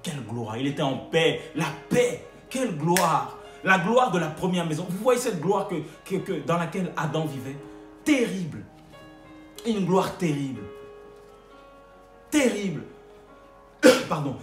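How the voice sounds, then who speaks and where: A man's voice: on the high side, very animated, a little slow, long pauses, echoey room, faint music behind. A man preaching a sermon with emphatic repeated refrains and frequent hesitations.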